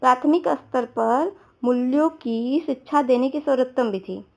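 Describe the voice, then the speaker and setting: A woman teaching exam prep talks through the answer options on exam questions at a moderate pace, her high-pitched voice creaky. She regularly checks that students understand, using everyday examples and repeating "theek hai."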